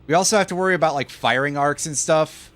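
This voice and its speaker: A man's voice: fairly high pitch, quick pace, a bit bright. A man giving casual let's play commentary, sarcastic and swearing as he complains about the game. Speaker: gaming commentator.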